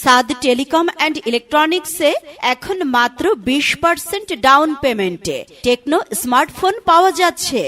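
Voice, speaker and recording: Bangladeshi lady voice actor doing a shop ad, really high voice, coaxing and upbeat promo style. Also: fairly bright tone. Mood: coaxing, informative. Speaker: advertisement voice artist. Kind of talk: scripted promotional announcement for a shop.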